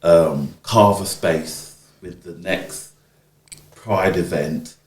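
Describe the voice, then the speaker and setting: In an echoey room, a fifties-aged man from the UK, interviewed as a community organiser, tells stories with animation, voicing the people he quotes. His voice sits low and he draws out his words.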